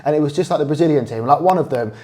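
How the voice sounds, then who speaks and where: A man's voice: fairly high pitch, rapid-fire, dark tone. A man, co-hosting a casual podcast chat and stumbling through frequent restarts. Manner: stammering, many restarts and fillers. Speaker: podcast co-host.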